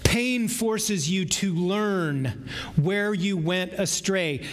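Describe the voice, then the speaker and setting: A middle-aged man preaching a sermon from a church stage, slow and emphatic with drawn-out pauses. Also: high-pitched. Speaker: pastor. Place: large church sanctuary with stage. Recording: long hall reverb, faint room noise.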